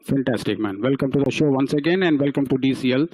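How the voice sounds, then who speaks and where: A man's voice: mid-range voice, fast, a little mellow, no room sound, poor audio. A man hosting a casual radio sports talk show, who often stops and restarts his sentences.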